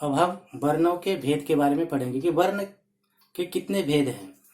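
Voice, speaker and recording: A man teaching a grammar lesson, speaking deliberately and naming letters one by one with examples. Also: on the high side, darkish tone. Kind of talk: classroom-style grammar lesson. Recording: echoey room.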